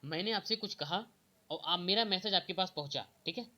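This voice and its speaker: A young man teaching exam prep, explaining questions step by step and slowly reading out the answer options. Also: sits high, sharp tone. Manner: repeats "okay" often, reads options slowly.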